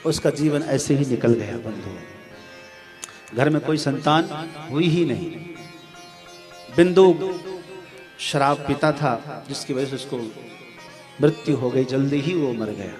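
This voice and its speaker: A male preacher telling a devotional story in a sermon, animated and acting out the characters. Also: mid-range voice, slow, pauses often. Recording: music playing behind. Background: music.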